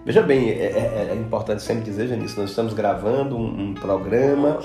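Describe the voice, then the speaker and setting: A Brazilian man with a Brazilian Portuguese accent hosting a casual podcast, chatty and animated when telling anecdotes. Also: lowish voice, moderate pace. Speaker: podcast host. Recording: roomy echo with faint guitar music.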